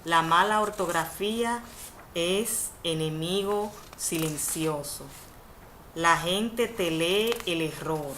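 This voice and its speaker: Slow and a bit bright, a low-voiced woman from the Dominican Republic lectures on Spanish spelling as a university course facilitator in an indoor online webinar. She's didactic, going over definitions again and saying "perdón" when she corrects herself, against faint background noise.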